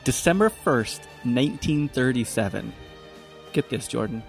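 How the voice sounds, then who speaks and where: A man's voice: medium pitch, lively intonation, unhurried, gravelly, soft background music. A man co-hosting a podcast, talking loosely with jokes and swearing. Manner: loose, profane, jokey. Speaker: podcast co-host. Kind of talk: casual podcast chat.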